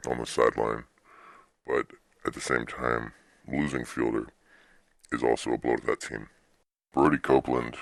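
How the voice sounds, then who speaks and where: A man's voice: very deep voice, creaky, a bit bright, no echo, studio quality. A young man giving casual, rambling solo sports commentary as the host of a webcast. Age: young adult.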